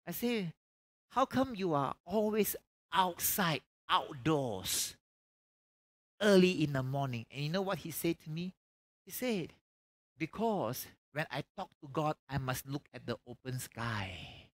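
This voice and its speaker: On an indoor church stage, a middle-aged man preaches a conversational revival sermon in a slightly high, animated, unhurried voice. He speaks emphatically, leaning on repeated phrases and rhetorical questions.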